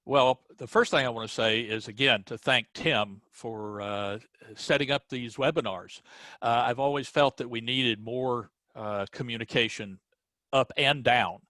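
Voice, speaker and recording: A man on a board of directors answering questions in an online webinar, explaining things in a measured way with frequent hesitant pauses over a video call. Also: medium pitch, sharp tone, no echo. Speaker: board member.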